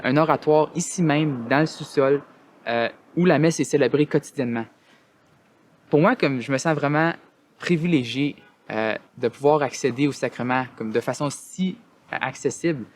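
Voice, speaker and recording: Speaking as a student resident, this young man from northern Ontario offers a sincere personal testimonial in a Canadian French accent. His mid-range voice keeps faltering with frequent "euh" fillers, and he often starts his phrases over.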